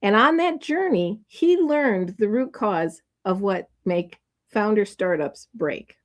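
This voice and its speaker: A woman hosting a live session, enthusiastically introducing the guest speaker. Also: mid-range voice. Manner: enthusiastic, warm praise. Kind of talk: event introduction.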